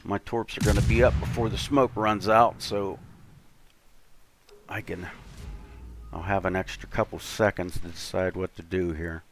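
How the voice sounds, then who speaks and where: A man's voice: deep voice, level tone, unhurried, pauses often. A man giving casual game commentary, thinking aloud in a chatty, unscripted way, with an audible hiss from an open computer case. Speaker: streamer playing a naval warship game.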